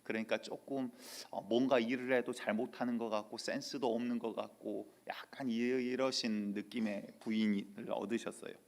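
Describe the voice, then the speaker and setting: Male pastor, church sermon, lively storyteller, acts out quotes, mid-pitched voice. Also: moderate pace, creaky, few pauses.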